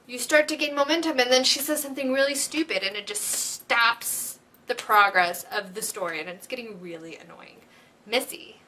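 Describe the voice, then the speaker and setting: A woman hosting a vlog, chatting casually and excitedly, with frequent giggles and gushing asides. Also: fairly high pitch, normal speed, a little hiss or hum. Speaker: vlog host. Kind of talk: casual fan chat.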